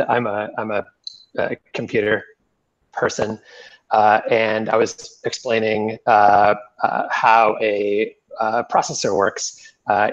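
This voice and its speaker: A man's voice: medium pitch, dull audio. A programmer telling the story of how he got into his hobby, hesitant and full of fillers, on a group video call.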